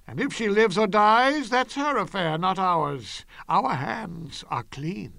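A man's voice: high-pitched, lively intonation, slow, gravelly, sharp tone, dry recording, full character voice. A man playing a stern, cold king in a Greek tragedy, giving orders in a grim, commanding, dismissive manner. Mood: cold impatience. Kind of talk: classical Greek tragedy audio performance.

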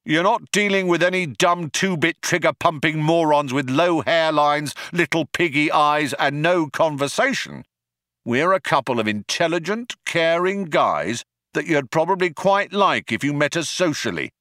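Storybook cop played by a male reader: high, forceful bellow, indignant and self-justifying, trigger-happy but convinced of his own sensitivity. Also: expressive, moderate pace, no echo, studio quality. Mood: indignant, boastful.

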